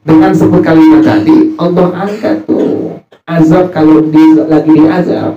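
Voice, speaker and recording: Joking preacher in an echoey hall. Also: male voice, on the high side, fairly even intonation, measured pace. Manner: jokey, asks the audience questions and answers himself. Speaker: religious teacher. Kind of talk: informal religious study sermon. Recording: roomy, distant, muffled, faint music.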